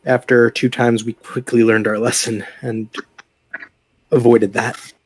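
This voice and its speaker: A man's voice: medium pitch, level tone, unhurried, breathy edge. A man playing a tabletop game, chatting casually and joking with the table. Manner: joking, playful. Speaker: player.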